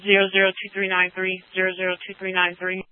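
A woman's voice: mid-range voice, clear, resonant tone, no room sound. A woman working as a police dispatcher, reading out numbers and statuses over a police radio. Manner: rapid, flat dispatch readouts. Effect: police radio transmission. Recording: narrow tinny radio channel, dry.

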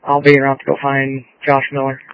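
A man's voice: mid-range voice, completely flat delivery, brisk, clean tone, dry recording. Male officer answering over police radio. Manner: brief, matter-of-fact. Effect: police radio transmission. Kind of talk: radio reply. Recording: distant muffled radio audio.

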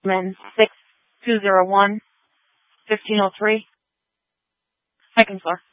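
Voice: medium pitch, level tone, measured pace, no room sound, phone-quality sound. Clipped police radio dispatcher. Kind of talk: terse radio dispatch codes.

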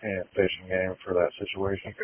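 A man's voice: sits low, completely flat delivery, a little fast, recorded from a distance. A man responding to dispatch over a two-way emergency radio, in clipped radio procedure talk. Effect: heard over a two-way emergency radio. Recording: hissy, tinny two-way radio.

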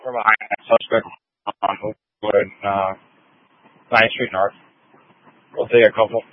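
A low-voiced man speaks in short, clipped bursts over a two-way radio. The sound is thin and tinny, like a phone line, and very dry. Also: little pitch movement, measured pace, no echo. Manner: brief clipped radio reports. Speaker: police officer. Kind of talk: radio traffic during a pursuit.

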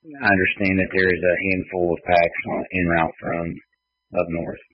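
A low-voiced man speaks through a two-way radio, his calls clipped and formal in military radio procedure. The sound is thin and tinny, with a dry, close feel. His delivery stays level and even throughout. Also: normal speed. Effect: two-way radio transmission. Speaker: National Guard readiness sergeant.

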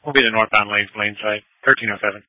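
A man's voice: lowish voice, fairly even intonation, quick pace, dry recording. A man working as a police dispatcher, reading out calls in terse, clipped radio codes over a police radio transmission. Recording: tinny phone-like radio band.

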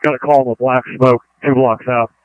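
A man talking in clipped, rapid fire radio traffic, heard through a two-way radio transmission. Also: medium pitch, fairly even intonation, clear, resonant tone, dry recording. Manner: clipped, rapid call-sign delivery. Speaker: firefighter on radio. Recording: dull lo-fi radio channel.

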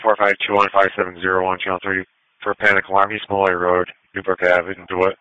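A man reading out call codes and addresses in a flat, matter-of-fact way over a walkie-talkie radio. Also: deep voice, fast, smooth, no echo. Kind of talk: terse radio dispatch calls. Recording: muffled radio transmission.

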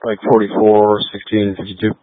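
A man's voice: lowish voice, monotone, brisk, no echo. A man speaking clipped, businesslike radio traffic as an emergency responder, heard over a two-way radio. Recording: tinny radio transmission.

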